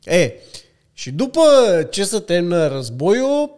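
Smooth-voiced man telling stories. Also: sits high. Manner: animated anecdote-telling with many fillers. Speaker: podcast guest. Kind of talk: casual storytelling chat.

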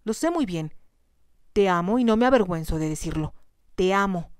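A woman voicing a heartbroken young bride in a whispered role-play, soft and trembling with a smooth, low-ish voice. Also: animated, moderate pace, no room sound, clean studio sound, close to an everyday voice. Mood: pleading.

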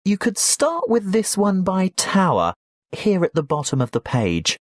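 A man playing a helpful university tutor in a scripted educational dialogue, advising clearly and instructively. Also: sits high, huge pitch swings, a little slow, no room sound, studio quality, exaggerated voice. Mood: helpful, advisory.

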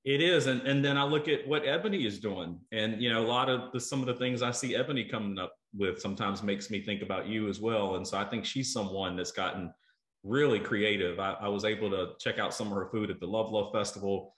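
Fairly low-pitched but fairly bright, a middle-aged man talks fairly quickly as he interviews a guest for his food show over a video call, thinking aloud with lots of fillers and repetitions. He uses earbuds, and the call audio is roomy.

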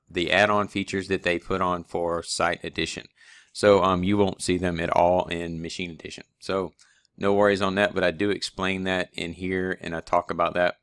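A low-pitched man talks in a flat, even tone as he walks viewers through his training course in a loose, rambling way full of fillers and restarts. His voice is clean and smooth, recorded close on a dry desk mic with no room sound. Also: dry recording. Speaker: online PLC course instructor. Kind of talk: screen-recorded course walkthrough.

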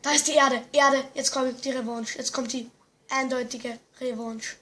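A young gamer giving excited commentary, exclaiming often and muttering to themself. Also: high-pitched, moderate pace. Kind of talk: excited let's-play commentary.

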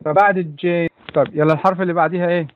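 High-voiced Egyptian teacher drilling letters. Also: male voice, steady tone, very fast, narrow, tinny audio, a little hiss or hum. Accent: Egyptian Arabic. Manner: patient drilling, repeating words for pupils to echo. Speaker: English teacher. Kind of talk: online English class for children. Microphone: computer mic in an online class.

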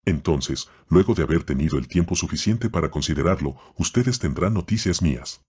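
A man reading the part of a cold, calculating male schemer, speaking slowly and icily. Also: extremely low pitch, lively intonation, a little mellow, breathy edge, exaggerated voice. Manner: slow, icy, measured delivery.

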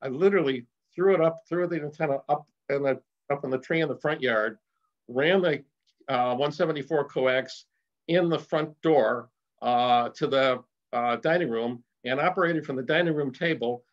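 A man's voice: medium pitch, normal speed. An older man giving an informal slide presentation at a radio club, rambling with many fillers and restarts and getting enthusiastic. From Rochester area, United States. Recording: slightly dull lo-fi sound.

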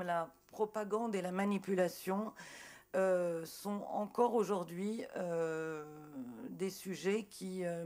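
A middle-aged woman speaks on a conference panel into a table microphone in a large auditorium. Her voice sits low and she talks slowly. She is reflective and halting, with frequent fillers. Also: darkish tone. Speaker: journalist on a panel. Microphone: table microphone on gooseneck.

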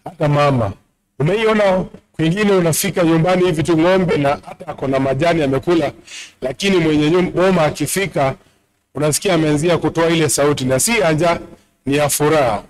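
A man's voice: fairly high pitch, fast, low-quality recording. A man with a Kenyan accent giving a church address, talking directly to the congregation and switching between Swahili and English. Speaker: church speaker presenting books at a camp meeting. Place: large bare church hall, at a pulpit.

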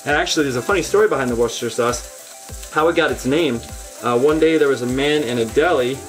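With music underneath, a thirtysomething man demonstrates home cooking step by step, earnest but dropping deadpan jokes. His voice is mid-range and quick, captured by a lapel mic in his kitchen.

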